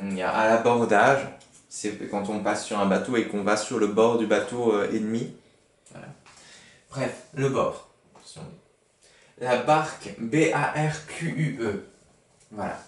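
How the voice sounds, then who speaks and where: A man teaching a spelling lesson to schoolchildren, patient and explaining word origins with many fillers. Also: medium pitch. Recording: roomy, from far off the mic.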